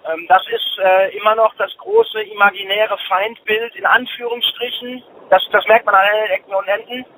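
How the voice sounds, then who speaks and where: A man's voice: high-pitched, fairly even intonation, moderate pace, bright, forceful tone, a little hiss or hum, rough recording. A man giving an interview as a football expert, explaining confidently. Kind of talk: interview answers.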